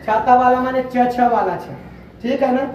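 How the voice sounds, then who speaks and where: A man teaching a Hindi spelling lesson, drilling each word slowly and calling his students "beta log". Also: very high voice, a little mellow. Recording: far-off echoey dull room sound with faint noise.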